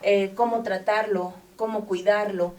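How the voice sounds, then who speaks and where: Woman guest, middle pitch, heartfelt and emphatic, recorded off-mic. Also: fairly even intonation, measured pace, darkish tone, far from the mic. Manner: heartfelt, emphatic, many fillers. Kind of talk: earnest interview talk.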